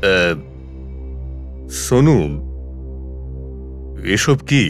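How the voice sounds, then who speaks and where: An actor playing a dismissive, sceptical building owner in a TV crime drama, sounding scornful and incredulous. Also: male voice, mid-range voice, lively intonation, very slow, soft background music. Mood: puzzled.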